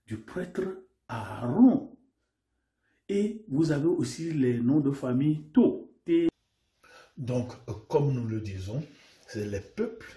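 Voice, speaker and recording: A man's voice: mid-range voice, dark tone. A man giving a spoken lecture, asking rhetorical questions again and again and sometimes dropping to a near-whisper. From Mali. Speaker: lecturer on names and history. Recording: roomy echo.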